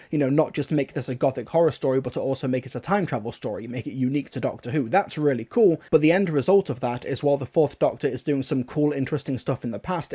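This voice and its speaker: A man's voice: mid-range voice, dark tone, breathy edge. A man giving a casual, chatty spoken review as the channel's host, often repeating himself. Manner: chatty, repeats phrases like "really cool". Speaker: audio drama reviewer.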